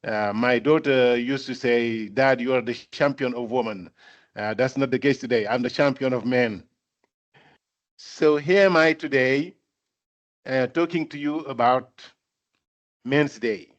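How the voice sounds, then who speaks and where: An older man from Senegal speaks as guest speaker at a corporate event. His delivery is measured, full of fillers and repeated lines for emphasis. The voice sits at an ordinary pitch, and the recording sounds dull and lo-fi.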